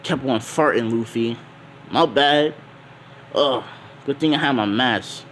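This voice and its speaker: A man's voice: mid-range voice, takes it slowly, a bit bright, slight background noise. A young man casually telling a made-up fan story, laid-back and slangy, rambling with lots of ums.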